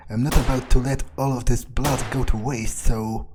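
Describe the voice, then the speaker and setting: A man doing in-character video game commentary thinks aloud in a blunt, muttering, profane way, role-playing his character as he plays. His medium-pitched voice keeps a steady tone at normal speed. The recording is very noisy, with game music in the background.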